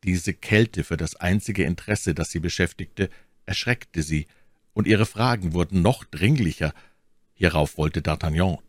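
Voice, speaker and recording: A man narrating a classic novel in an audiobook with an expressive storytelling delivery. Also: deep voice, dry recording, clean studio sound.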